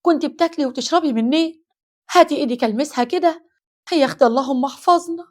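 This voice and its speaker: Woman doing a loud tearful egyptian mom, high voice, fast pleading. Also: close to an everyday voice. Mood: distraught. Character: grieving middle-aged Egyptian mother, loud and pleading.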